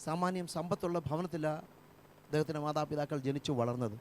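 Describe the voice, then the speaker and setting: Pastor, male; fervent repeating sermon delivery, higher voice, light hum. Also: fast talker, darkish tone. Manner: fervent preaching with repeated phrases. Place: church.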